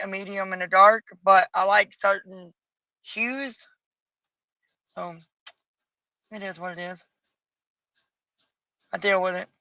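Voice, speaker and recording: A woman streaming from home, chatting casually and musing aloud as she colors, with a bit of rough morning voice. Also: medium pitch, pushed and bright, no room sound, highs cut off. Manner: muses aloud, picky and chatty, folksy asides. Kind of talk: casual chat while coloring. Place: home at night.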